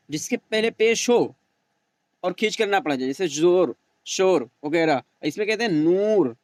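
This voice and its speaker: A man's voice: high-pitched, no echo. A man teaching an exam-prep grammar lesson, patiently repeating example words and quizzing the listener.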